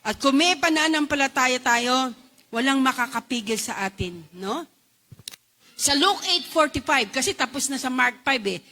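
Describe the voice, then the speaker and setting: A woman preaching a sermon. Her voice sits high and rings bright and forceful, and she keeps turning to the congregation to ask for their agreement. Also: moderate pace. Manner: animated, calls out to the congregation for assent.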